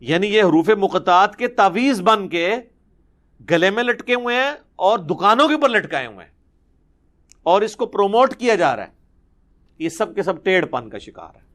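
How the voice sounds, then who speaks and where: A man giving a Quran commentary lecture in an explanatory, emphatic and animated way. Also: sits high. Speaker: religious scholar.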